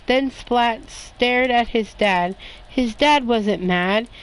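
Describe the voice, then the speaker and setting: A woman reading children's picture books aloud in a slow, expressive storytime manner. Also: on the high side, smooth, poor audio. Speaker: storybook reader.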